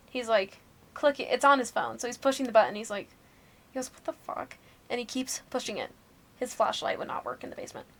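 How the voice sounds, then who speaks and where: A young woman co-hosting a podcast, telling her ghost stories casually, laughing, swearing and going hushed at the spooky parts. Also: a little high. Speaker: podcast co-host. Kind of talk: casual storytelling chat.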